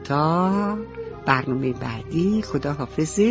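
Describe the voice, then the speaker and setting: A woman's voice: low-pitched, animated. A woman storyteller narrating a bedtime story for children, speaking to them tenderly and fondly. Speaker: radio storyteller. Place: radio studio. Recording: dull radio recording, faint music.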